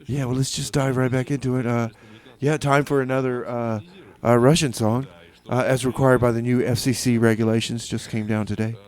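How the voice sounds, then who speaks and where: This music radio host speaks from a studio in a medium-pitched, slightly mellow voice, brisk and flat with few pauses. His patter is casual, hesitant, and tongue-in-cheek, and he often repeats phrases for effect.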